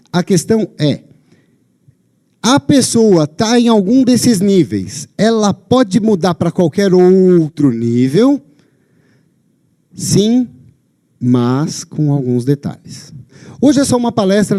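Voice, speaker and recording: A man with a Brazilian Portuguese accent lectures on a lapel mic, his fairly high, mellow voice swinging widely in pitch. He talks with emphasis and keeps checking in with his listeners. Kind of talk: live talk to an audience. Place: lecture venue.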